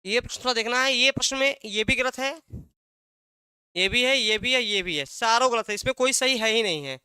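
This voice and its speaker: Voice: medium pitch, fairly quick, bright, forceful tone, clear, resonant tone, no room sound, clean studio sound. A teacher giving an exam-prep language lesson, asking a question and then answering it, repeating key words again and again.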